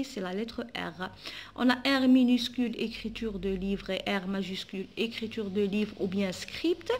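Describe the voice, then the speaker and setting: Woman teacher w/ algerian french accent, slow careful phonics drill, kinda high voice. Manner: slow, syllable-by-syllable spelling out. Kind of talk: phonics lesson for children.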